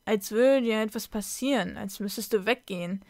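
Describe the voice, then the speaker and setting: A woman voicing a worried, strict mother in a storybook, speaking softly. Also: mid-range voice, normal speed, no room sound, studio quality, lightly acted.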